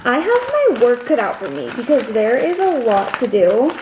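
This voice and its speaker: A woman's voice: fairly high pitch, huge pitch swings, normal speed. Young woman vlogger, handheld camera, chatty gushing delivery, faint hiss behind. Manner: chatty, gushing, many "like" fillers. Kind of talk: casual vlog narration. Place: empty apartment, indoors. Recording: echoey empty rooms, faint background noise.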